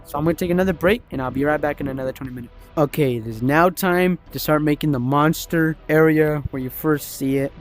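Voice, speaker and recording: A young man casually narrating his progress building a level in a VR game, chatty and rambling, often correcting himself. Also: a little high. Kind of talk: casual gaming vlog narration.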